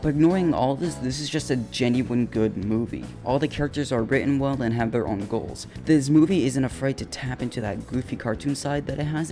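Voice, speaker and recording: Over upbeat video game music, a man with a gravelly, dark, mid-range voice delivers scripted comedic commentary for a video essay. His manner is casual, flippant, slangy, and full of jokes.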